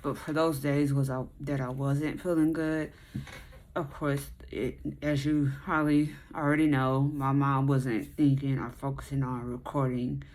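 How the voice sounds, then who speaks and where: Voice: mid-range voice, level tone, a little slow, darkish tone, rough recording. An American vlogger chatting casually and expressively to viewers with folksy phrasing, mouth movement limited by a sore jaw after surgery. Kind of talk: casual chatty recovery vlog.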